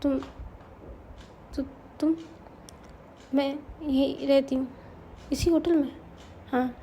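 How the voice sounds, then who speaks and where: Woman doing a young woman's ghost, high voice, mellow tone, soft stammering pleas. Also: steady tone, slow pace, slight background noise. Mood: soothing. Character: murdered young woman's ghost, pleading, insistent.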